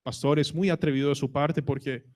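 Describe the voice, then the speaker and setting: Colombian pastor guy preaching in church, kinda high voice, keeps throwing questions at the crowd. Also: steady tone, a little fast, darkish tone. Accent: Colombian Spanish. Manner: rhetorical questions to the congregation, retelling dialogue. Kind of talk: sermon.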